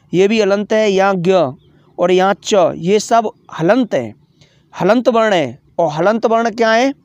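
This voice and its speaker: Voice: mid-range voice, a little mellow, no room sound, lo-fi sound. A grammar teacher giving an online lesson, patiently repeating key terms and asking questions only to answer them. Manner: asks rhetorical questions, then answers them.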